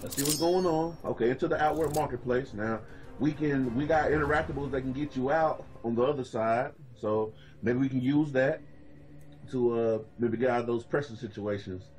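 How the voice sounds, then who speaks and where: A man giving excited live fighting game commentary in a slangy, exclaiming manner. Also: medium pitch, normal speed. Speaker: esports tournament commentator. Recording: loud game music behind voice. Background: loud game music.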